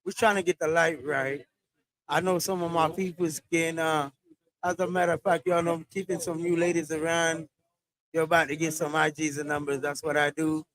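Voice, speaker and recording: A man's voice: fairly high pitch, little pitch movement, brisk, a bit bright, low-quality recording. A man hosting a casual live stream, repeating his phrases and now and then switching into Spanish. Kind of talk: casual live chat with shout-outs. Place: outdoors in a beachside parking lot.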